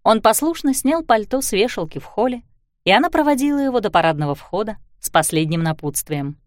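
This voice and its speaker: Expressive woman narrating a story. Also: mid-range voice, a little fast, no room sound, studio quality. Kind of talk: scripted narration.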